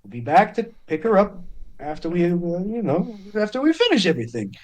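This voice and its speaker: A man plays an evasive rogue who fumbles for words and hurries through what he says. The voice sits high and swings up and down a lot. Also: big pitch swings, fairly quick.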